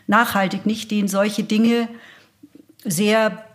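A woman's voice: medium pitch, takes it slowly. A woman, telling a personal story as an interview guest and acting out the dialogue. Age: 60s. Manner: animated, acts out dialogue.

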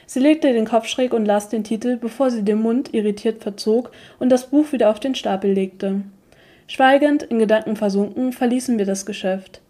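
Woman narrating with a mellow, dark voice. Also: on the high side. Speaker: audiobook narrator. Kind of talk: first-person audiobook narration.

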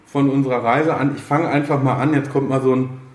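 A man's voice: mid-range voice, fairly even intonation, fairly quick, a little mellow. Casual male podcast host in an echoey room. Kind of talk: casual chat. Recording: roomy echo, faint background noise.

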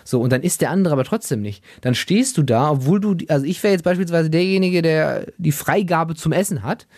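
A man's voice: fairly high pitch, fairly quick, darkish tone, no echo, studio quality. A young man with a tired voice, rambling in a casual solo monologue as podcast host. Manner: chatty, rambling, self-amused, puts on silly baby-talk voices.

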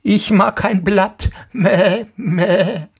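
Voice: medium pitch, extremely slow, slightly rough, voice pushed up, exaggerated voice. A storyteller voicing a spiteful, lying female goat who answers in sing-song rhymes and bleats. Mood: bleating.

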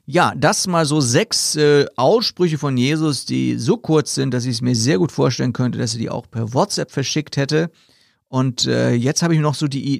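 A man's voice: mid-range voice, vocal fry, no echo, clean studio sound. A man hosting a podcast, chatting casually about Bible verses and thinking aloud with fillers and repeated words. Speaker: podcast host.

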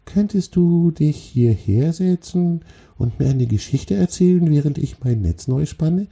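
A tiny, high, squeaky female spider from a spoken children's story, as a male narrator puts her on. She scolds and grumbles with little patience. The voice stays soft and mellow underneath. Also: lively intonation, a little slow, gravelly, breathy edge, full character voice. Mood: calmer, curious. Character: tiny cross female forest spider, impatient.

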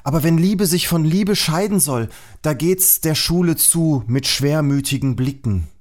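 A man's voice: fairly high pitch, a little slow, natural voice. A man reading the part of a young male lover in a mock-solemn, theatrical way.

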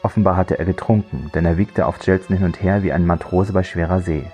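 A man narrating a crime thriller audiobook in a measured, dry storytelling voice. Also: low voice, fairly even intonation, warm tone, faint music behind.

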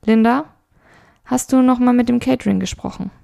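Woman reading a stressed male manager, brisk and hurried, low gravelly fry, warm dark tone. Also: fairly even intonation.

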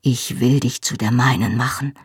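A man narrating puts on a commanding Highland husband from an audiobook, his voice dropped deeper than the narration and kept hushed and slow. The tone is breathy and husky, close and dry with no room around it. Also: fairly even intonation, no room sound. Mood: possessive.

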